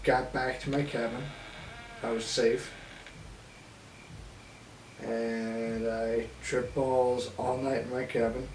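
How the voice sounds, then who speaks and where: A man's voice: mid-range voice, little pitch movement, slow, long pauses. A young man casually telling a wild story in an interview, laughing often and swearing freely. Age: young adult. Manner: laughs often, profane, loose retelling. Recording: echoey room, mic far off, faint hiss.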